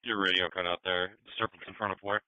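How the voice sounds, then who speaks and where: A man's voice: low-pitched, steady tone, quick pace, clean tone, no echo. A man working as an emergency dispatcher, relaying calls over two-way radio in a clipped, procedural manner. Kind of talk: police and fire radio dispatch. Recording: dry, narrow-band scanner radio feed.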